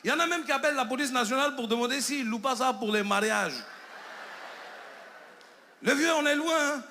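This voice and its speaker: A man in his thirties with an Ivorian French accent, doing stand-up comedy on a theater stage and telling stories with animated quoted voices. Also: very high-pitched, brisk, a little hiss or hum.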